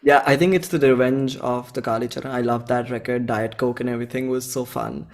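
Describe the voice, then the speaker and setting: An indie musician from Bhopal, India, in his twenties, talks casually as an interview guest, effusive, eager and slangy, with an Indian accent. He has a mid-range, steady voice that runs a little fast.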